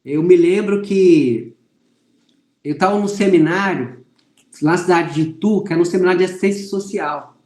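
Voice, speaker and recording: A man's voice: sits high, moderate pace, darkish tone, echoey room. A Brazilian man teaching an online Bible class, telling a personal testimony and speaking earnestly to his listeners as brothers. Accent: Brazilian Portuguese. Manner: earnest, speaks to viewers as "irmãos". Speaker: religious teacher.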